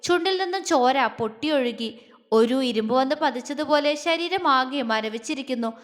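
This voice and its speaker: A woman's voice: high-pitched, expressive, moderate pace. A woman narrating a dramatic audio romance story in an emotional, scripted reading. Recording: long hall reverb.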